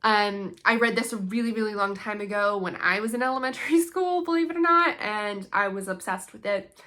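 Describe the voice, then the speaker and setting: A young woman with a bright, clear tone talks through her latest book haul in an easy, chatty way. She sounds eager and upbeat, sprinkling in ums as she goes. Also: mid-range voice, a little fast. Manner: enthusiastic, chatty, frequent ums. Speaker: homeschool book vlogger. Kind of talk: casual book haul chat.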